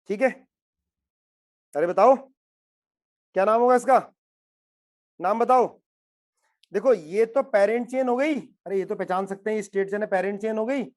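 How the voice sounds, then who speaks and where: A man's voice: sits high, darkish tone. Coaxing man teaching a chemistry class. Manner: coaxing, repeats questions to students. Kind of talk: classroom lecture.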